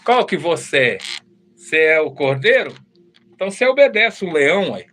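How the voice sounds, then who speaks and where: A man, a missionary telling his own testimony in a lively preaching way, often calling the listener brother. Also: fairly high pitch, moderate pace. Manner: animated, addresses listeners as brother.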